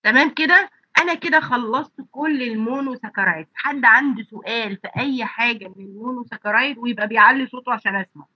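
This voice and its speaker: She speaks quickly, her fairly high voice edged with breath, while lecturing online for a pharmacy college. With an Egyptian Arabic accent and a stuffed-up nose and throat, she asks students rhetorical questions and then answers them. The audio, from a computer mic on a video call, is dry and dull.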